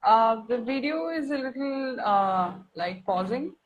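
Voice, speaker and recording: A woman's voice: a little high, animated, measured pace, muffled recording, slight background noise. A woman hosting a live online interview, speaking over a breaking-up video call connection and briefly checking whether the link still works. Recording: distant, choppy online call audio.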